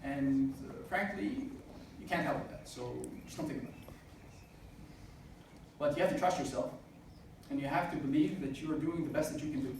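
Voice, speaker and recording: Heard from a distance in a noisy, reverberant hall, a young man in his twenties delivers a sincere pep talk at a student business event. His pitch sits fairly high and his tone is slightly mellow, at a normal speed. He says "uh" frequently.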